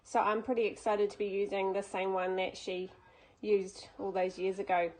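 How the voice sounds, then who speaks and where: A woman's voice: mid-range voice, flat delivery, normal speed, poor audio. A woman, hosting a baking channel and talking through a recipe step by step in a chatty, upbeat way in her home kitchen. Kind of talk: casual cooking demonstration.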